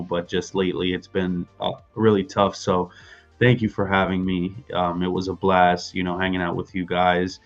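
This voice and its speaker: Low monotone guy, chill and filler-heavy, muffled lo-fi sound. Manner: laid-back, filler-heavy. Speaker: guest. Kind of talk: casual chat.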